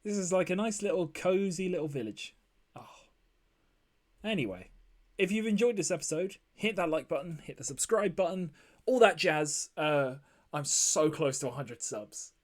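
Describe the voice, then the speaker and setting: A man's voice: a little high, animated, moderate pace. A man giving casual, rambling commentary while he builds in a game, with lots of ums and asides. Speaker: let's play host.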